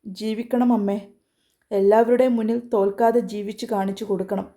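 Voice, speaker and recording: A young woman in a storybook tale who holds back her own heartbreak as a woman voices her. She speaks quietly and with restraint, in a mellow, dark voice. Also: medium pitch, fairly even intonation, fairly quick, natural voice. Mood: heartbroken.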